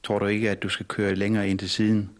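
A man voicing a calm, careful and gently teasing mother in a storybook reading. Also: fairly low pitch, close to an everyday voice.

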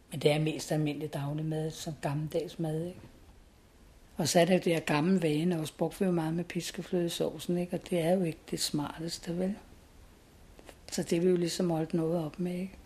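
A woman's voice: deep voice, a little mellow. A woman in her sixties talking casually in an interview, chatty and always adding tag questions.

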